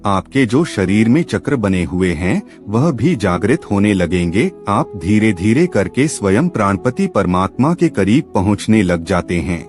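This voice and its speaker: A man's voice: lowish voice, very animated, unhurried, few pauses, a little mellow, soft background music. A man giving scripted devotional voice-over, earnestly instructing listeners and calling them friends. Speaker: spiritual channel narrator.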